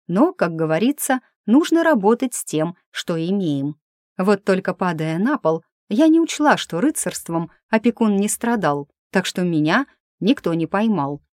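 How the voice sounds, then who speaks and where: A woman's voice: fairly low pitch, a little mellow, no echo, clean studio sound. A woman narrating a first-person audiobook in a wry, ironic manner.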